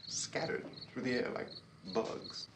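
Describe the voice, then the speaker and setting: An actor playing a steady, blunt man in a 1960s horror film, speaking in clipped, urgent lines. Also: slow pace, lightly acted. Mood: grim. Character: steady man holding off panic, tense and firm. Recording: old noisy film soundtrack.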